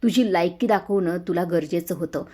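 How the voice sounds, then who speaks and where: A woman reads the lines of a harsh, scolding aunt from a retold serial scene, berating someone at full shout with anger that stays hard and steady throughout. Her voice sits slightly low, the pace is normal, and the acting is light.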